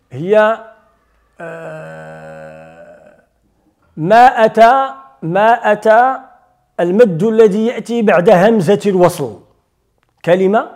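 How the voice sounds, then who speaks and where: A man's voice: high-pitched, darkish tone. A man with a Moroccan Arabic accent teaching Quran recitation rules. He explains step by step, puts questions to his students and recites short examples.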